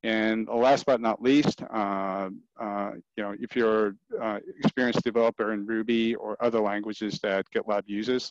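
Low-voiced man presenting over a video call. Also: dry recording. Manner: casual, many fillers and restarts. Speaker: community program manager presenting. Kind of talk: screen-share meetup presentation. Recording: dry, dull lo-fi video call audio.

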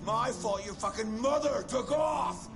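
An actor playing a volatile, abusive middle-aged father in a video game, snarling and breaking into shouts. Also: very high voice, unhurried, creaky, over music, full character voice. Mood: enraged.

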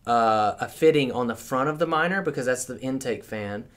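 A man's voice: mid-range voice, moderate pace, a bit bright. A man as a podcast guest, explaining step by step with everyday examples in a casual conversation.

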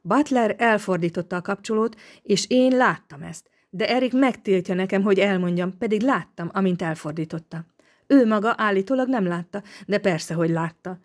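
A woman's voice: medium pitch, close to an everyday voice. A woman doing a grumbling scornful young man.

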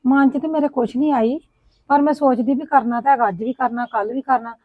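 A woman's voice: sits high, steady tone, a little fast, no room sound. Mother, tinny dry sound. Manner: coaxing, motherly questioning. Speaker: mother in a family web drama. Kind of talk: homemade family drama acting.

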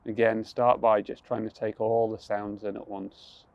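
A young man leading a guided mindfulness practice outdoors on a rooftop, speaking calmly, slowly and gently, with soft restarts. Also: lowish voice, gravelly, lo-fi sound. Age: young adult. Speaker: mindfulness instructor.

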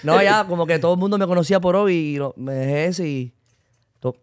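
A Cuban man talks quickly in a slightly high voice, rambling and restarting as he goes. He is a podcast guest in a casual chat. The sound is dry and close to the mic, with no room echo. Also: clear, resonant tone. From Cuba. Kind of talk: casual conversation.

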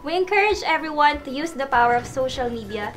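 A woman's voice: high voice, expressive, fast talker, fairly bright tone, soft background music. A woman in her early twenties with a Filipino accent, a communication specialist speaking Tagalog and English. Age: 20s.

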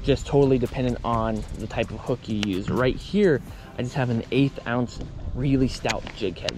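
A man on a boat explaining fishing lures in a relaxed, casual way, often saying "man", recorded on a body-worn action camera outdoors. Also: mid-range voice. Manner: laid-back, says "man" often. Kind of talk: casual outdoor how-to talk. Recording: outdoor camera audio with steady noise.

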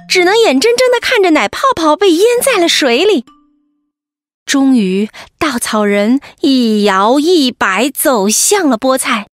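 Speaking directly to children, a high-pitched female storyteller narrates a bedtime story with lively, expressive animation.

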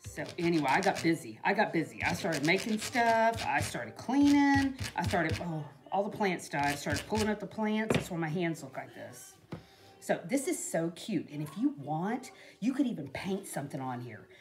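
Her voice on the low side, a middle-aged woman chats at a moderate pace with wide swings in pitch. She is a craft vlogger showing a project at her home craft table. Her talk rambles, peppered with plenty of "you know".

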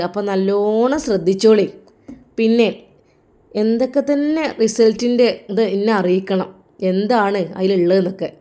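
A woman voicing a serious mother-in-law who delivers a measured warning on a phone call, with a Malappuram Malayalam accent, in an audio drama. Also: mid-range voice, warm tone, close to an everyday voice. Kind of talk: audio drama role-play.

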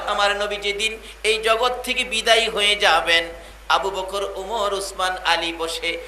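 A high, very bright-voiced man delivers a sermon in a slow, sung style, stretching his cries into long chanted phrases before dropping to a hushed storyteller's tone. He plays each character of his tale himself. The sound is roomy and echoing, like a public-address system, with faint noise behind. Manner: swings from chanted, drawn-out shouts to low storytelling, voicing the figures himself. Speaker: preacher at a religious gathering. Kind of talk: sung and shouted Bengali waz sermon. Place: outdoor religious gathering with a public address system.

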